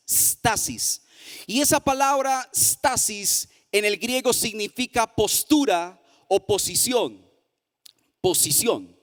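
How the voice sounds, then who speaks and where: High-voiced preaching man in a hall. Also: fairly bright tone, smooth. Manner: sing-song preaching cadence, slowing for emphasis. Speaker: pastor. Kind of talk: sermon. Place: church hall.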